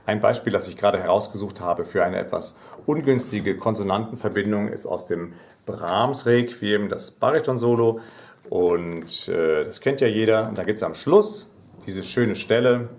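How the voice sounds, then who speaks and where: Low-voiced man teaching singing technique. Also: moderate pace, darkish tone. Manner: explanatory, sings short demonstration phrases. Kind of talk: voice lesson.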